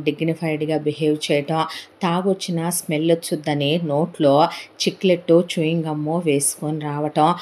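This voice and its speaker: A woman with a somewhat low voice tells a family story in a relaxed, conversational way. She moves easily between plain narration and acting out the characters' lines. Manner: lively storytelling, acts out scolding relatives and village guards.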